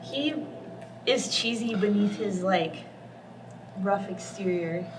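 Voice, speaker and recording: A woman's voice: mid-range voice, takes it slowly, noisy background. Giggly woman, far from the mic. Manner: giggly, playful. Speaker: band member. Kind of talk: casual chat.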